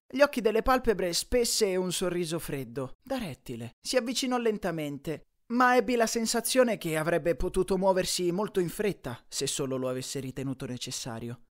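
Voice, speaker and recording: A man narrating a first-person audiobook in a lively, expressive storytelling style. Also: high voice.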